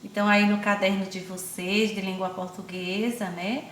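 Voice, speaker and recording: A woman with a Brazilian accent teaching young children in an online class, speaking affectionately and stretching words out slowly syllable by syllable. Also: medium pitch, flat delivery, a bit bright, roomy sound, slight background noise. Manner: affectionate, calls pupils "my loves" and herself "auntie". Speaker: primary school teacher.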